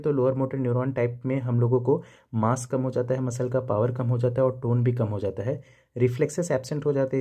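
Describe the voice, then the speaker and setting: A young man teaches a physiology lesson in a very dark, mellow voice with a slightly husky edge. He explains step by step and keeps returning to the key terms. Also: medium pitch. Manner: explains step by step, repeating key terms, mixing English medical terms into Hindi. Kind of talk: recorded video lecture.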